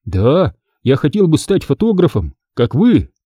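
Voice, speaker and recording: An eager young city boy, as a man reads him, earnest and excited. His voice rises and falls a lot. The tone is mellow and a bit husky. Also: fairly high pitch, unhurried, no echo, studio quality, pitched above the performer's own voice, full character voice.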